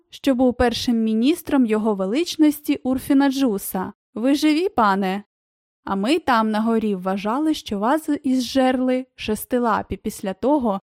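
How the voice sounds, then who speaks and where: A woman's voice: a little high, no echo, studio quality, lightly acted. Woman doing a spirited young girl, Ellie. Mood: mocking. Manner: spirited, sharp-tongued. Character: brave outspoken young girl.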